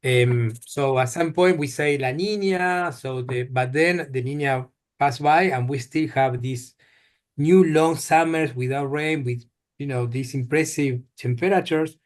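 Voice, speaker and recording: A man's voice: medium pitch, a little slow. A man with an Argentine Spanish accent, a seminar presenter answering questions hesitantly over a video call. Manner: hesitant, repeating words. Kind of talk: answering questions after a talk.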